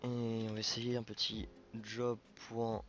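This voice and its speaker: A man's voice: mid-range voice, completely flat delivery, a little slow, muffled recording. A man hosting a programming tutorial, thinking aloud informally with many fillers and self-corrections. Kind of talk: casual coding screencast narration.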